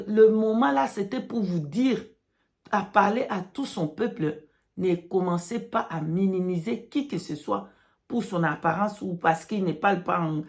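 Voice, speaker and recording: Pitched fairly low with vocal fry and a darkish tone, a woman testifies about her faith to followers. French isn't her native language, and her broken delivery blends in English words and insistent repetition.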